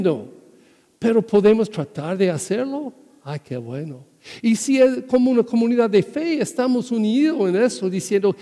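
A man serving as parish priest delivers a sermon, his fairly high voice soft and mellow. He speaks unhurriedly, and brings his points to life by acting out small scenes. His voice rings through the long reverb of a church. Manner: animated storytelling, acting out little scenes.

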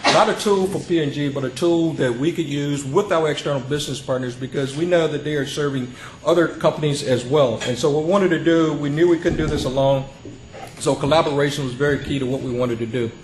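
A man giving a conference presentation as a panelist, halting and repeating words as he searches for phrasing. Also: fairly high pitch, noisy background. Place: conference hall. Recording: roomy hall sound.

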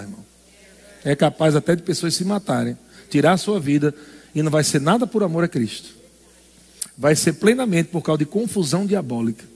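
A man's voice: on the high side, big-room sound. A male pastor preaching a sermon in an emphatic call-and-response style.

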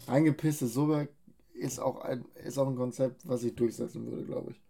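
A man with a dark, warm voice at a middle pitch. He tosses out deadpan, half-mumbled remarks and quick asides in crude banter with a friend. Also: creaky.

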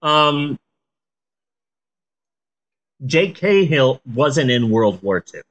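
A woman podcaster talks in a stoned, rambling way. Her low-to-mid voice takes its time and swings widely in intonation. She drops deadpan jokes and curses into loose, casual chat. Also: very slow, poor audio. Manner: deadpan joking, sweary. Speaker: podcast host.

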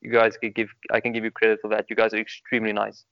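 A young man with a South African accent answers interview questions in an earnest, rambling way, leaning on ums and repeated words. His voice sits a bit low. The recording is dry and dull. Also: monotone, racing, clean tone, no room sound. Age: young adult. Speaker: guest. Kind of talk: casual interview.

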